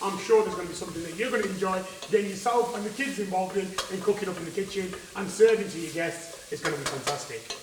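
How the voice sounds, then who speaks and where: A man's voice: sits high, fast, few pauses, far from the mic, noisy background. Upbeat man presenter, off-mic. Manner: enthusiastic, addresses "guys". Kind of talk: upbeat cooking show presenting. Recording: echoey kitchen, off-mic.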